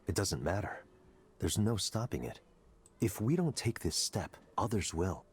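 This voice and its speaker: Playing a confident, coldly intellectual tech executive in a visual novel, a man lectures in a deliberate, persuasive way. His low, slightly rough voice swings widely in pitch, heavily acted, with an intense, philosophical mood.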